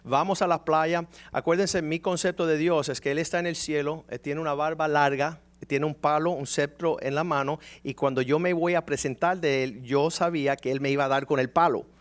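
A man's voice: a little high, steady tone, normal speed, few pauses. A man in his forties preaching a testimony in a storytelling way, acting out the people in it with changing voices. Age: 40s. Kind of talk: sermon testimony.

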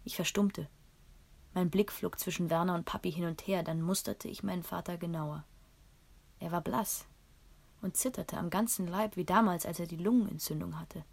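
A woman reading a first-person story aloud in a calm, measured way. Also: on the low side, creaky, breathy edge. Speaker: audiobook narrator.

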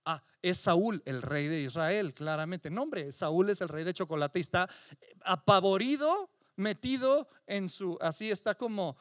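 A man's voice: high-pitched, a little slow, no room sound, clean studio sound. A man preaching a sermon, emphatic, with repetitions and rhetorical questions. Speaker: pastor.

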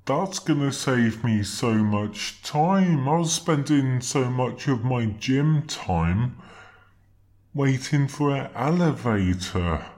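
A man on a comic podcast, speaking through a slowed-down, deepened voice effect, fussy and literal-minded in his earnest banter. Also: lively intonation, a little mellow. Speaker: podcast co-host.

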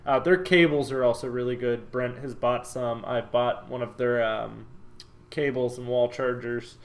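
A man's voice: medium pitch, fairly even intonation, unhurried. A young man hosting a casual podcast chat, joking and steering the topics. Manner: chatty, joking, shifts topics. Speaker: podcast host.

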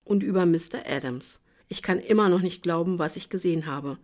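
Audiobook: a wry, bitter young barfly, mocking tone, lowish voice, read by a woman. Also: fairly quick, darkish tone, close to an everyday voice. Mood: urging. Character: bitter, sardonic young man drinking at a bar. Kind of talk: audiobook reading.

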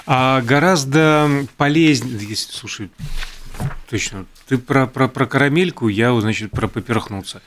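A man's voice: mid-range voice, moderate pace, fairly bright tone. A man co-hosting a show, chatting casually and reading out trivia with many fillers and self-corrections. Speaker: co-host.

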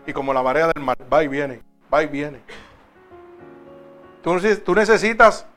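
Emphatic male preacher with a high voice, faint guitar underneath. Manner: emphatic, swings between loud and soft. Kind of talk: sermon.

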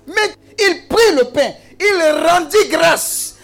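A man's voice: very high-pitched, animated, slow pace, creaky, fairly bright tone. A man preaching a sermon, exclamatory and teasing, with call-and-response to the congregation. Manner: humorous asides and teasing.

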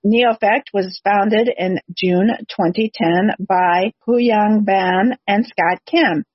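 A husky-voiced woman of medium pitch acts as a podcast host, delivering prepared introductions and interview questions at a slow pace. The recording is dry and close, with a dull, lo-fi, slightly muffled sound.

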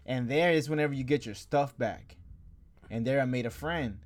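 A man's voice: mid-range voice, moderate pace. A young man telling a long story in casual chat, slangy and rambling, laughing as he goes. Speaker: storyteller among friends.

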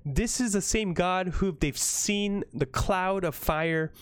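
A man leading a Bible study, reading scripture aloud and breaking off for earnest, excitable asides and self-corrections. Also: high voice, slow pace, smooth, no room sound. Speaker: Bible study leader reading to a live audience. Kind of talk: Bible reading with informal commentary.

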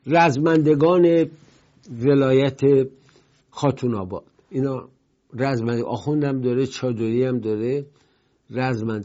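Mellow-voiced male political commentary host. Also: mid-range voice. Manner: rambling, digressive storytelling with emphatic swings in loudness. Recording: dull lo-fi broadcast sound.

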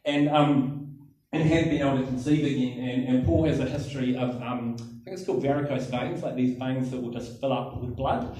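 A pastor with a medium-pitched, mellow voice preaches a sermon at a fairly quick pace, telling a personal story in a chatty, self-mocking way with lots of fillers. The audio is echoey, as if from a hall with a distant mic.

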